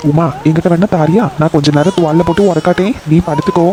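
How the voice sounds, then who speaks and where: A voice actor playing a calm, caring young father in a cartoon, reassuring his wife. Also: medium pitch, fast, a little hiss or hum, lightly acted. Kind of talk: cartoon voice acting.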